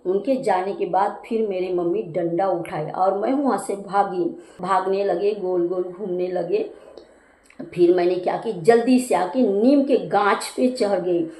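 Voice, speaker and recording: A cooking channel vlogger tells a childhood story in a homely, chatty way, pausing to explain local words. Her medium-pitched voice is steady, mellow and measured, but the recording is poor and reverberant.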